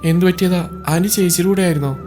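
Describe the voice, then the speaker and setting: A man voicing a gentle, caring young wife in a storybook reading, speaking softly and steadily. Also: on the low side, fast, faint music behind, lightly acted. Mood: worried.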